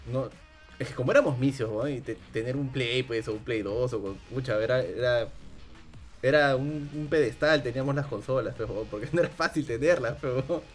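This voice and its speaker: Quick, chatty Peruvian man. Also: mid-range voice, faint music behind. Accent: Peruvian Spanish. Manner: chatty, laughs while talking. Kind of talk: casual chat.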